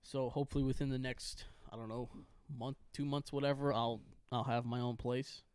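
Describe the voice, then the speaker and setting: A man's voice: mid-range voice, flat delivery, moderate pace, a little mellow, clear, resonant tone, no room sound, clean studio sound. A young man co-hosting a casual podcast chat over a video call, laughing often and swearing casually. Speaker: podcast co-host.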